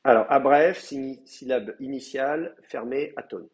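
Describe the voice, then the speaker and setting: A man's voice: medium pitch, a little slow. A man with a French accent giving a university lecture, hesitant, with many fillers and restarts. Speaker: teacher.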